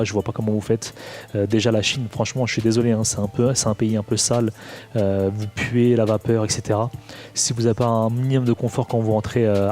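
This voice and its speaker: A man from Morocco talks through practical travel tips in a casual, unscripted way, stumbling over his words with frequent fillers and restarts. His mid-pitched delivery stays flat and level throughout, with faint music playing underneath. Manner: hesitant, many fillers and restarts. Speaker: vlogger giving travel advice. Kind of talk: casual advice to camera.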